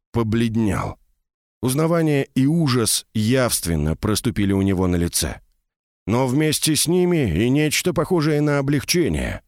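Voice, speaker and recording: A man narrates a fantasy audiobook with a low voice and a wide, expressive pitch range. His reading is steady and measured, and the recording is dry and close. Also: dry recording.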